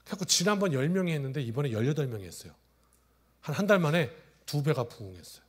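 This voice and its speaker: A male pastor in his forties preaching a sermon, telling stories, swinging from loud exclamations to hushed asides. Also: fairly high pitch, very animated, quick pace, husky. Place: church sanctuary.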